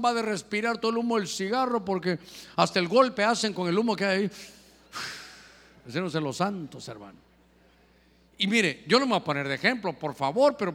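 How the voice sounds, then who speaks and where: A man preaching a sermon in a church hall, talking straight to the congregation and acting out little scenes. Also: sits high. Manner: animated, addresses the congregation directly, acts out little scenes.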